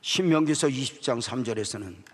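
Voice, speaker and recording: A middle-aged male pastor with a low, husky voice delivers a sermon with strong emotion, dropping to a hush and then climbing into emphatic peaks. His words ring out with a long tail of reverb, as if they were recorded in a large church hall. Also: lively intonation, moderate pace. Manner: emotional storytelling, swinging from hushed to rising emphatic delivery.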